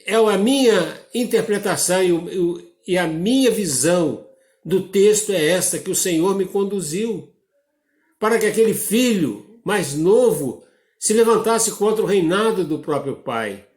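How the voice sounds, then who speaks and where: Brazilian male pastor, slow deliberate sermon delivery, slightly high voice, echoey church. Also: lively intonation, darkish tone. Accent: Brazilian Portuguese. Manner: slow, measured preaching with dramatic drops in pitch. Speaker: preacher.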